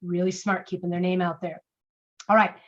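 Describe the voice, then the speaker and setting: A middle-aged woman teaching customer service in a casual webinar, lively and conversational, acting out sample lines. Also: lowish voice, moderate pace, dull audio. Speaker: speaker and customer service trainer.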